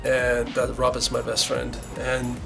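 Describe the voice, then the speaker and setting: A man's voice: medium pitch, monotone, unhurried, gravelly, low-quality recording. A middle-aged man casually telling a band story, rambling and swearing a lot with many restarts. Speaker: band member recalling the band's origins. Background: music.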